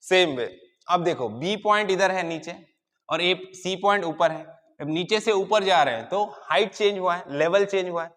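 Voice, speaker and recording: A man's voice: sits high, a bit bright, big-room sound. A man lecturing on engineering mechanics, explaining each step and checking in with his students. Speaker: engineering teacher. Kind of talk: whiteboard lecture.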